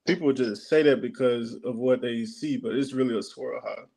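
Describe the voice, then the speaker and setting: A man's voice: medium pitch, normal speed, creaky, darkish tone. A man in a casual group debate, speaking insistently and contradicting the others. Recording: noisy mic with clicks.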